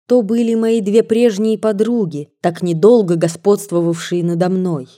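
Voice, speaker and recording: A woman narrating a story as an audiobook reader, measured and softly expressive. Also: mid-range voice.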